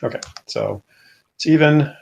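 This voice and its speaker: A man playing a tabletop game, chatting casually and haltingly as he feels for words. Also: on the high side, vocal fry, darkish tone. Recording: faint background noise.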